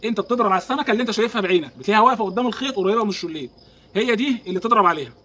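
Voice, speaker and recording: A man with an Egyptian accent giving an animated outdoor fishing lesson, talking straight to the viewer. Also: high-pitched, rapid-fire, slightly rough. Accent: Egyptian Arabic. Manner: animated, instructive, talks to the viewer. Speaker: fishing vlogger. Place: outdoors by the water.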